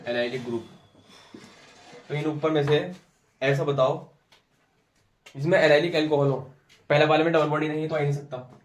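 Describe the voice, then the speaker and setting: A man's voice: a little high, fairly even intonation, moderate pace, long pauses. A young man tutoring chemistry informally, drilling each step and repeating answers. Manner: drills step by step, repeats answers, teasing and pushy when challenged. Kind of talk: informal classroom explanation. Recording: roomy echo, recorded from a distance.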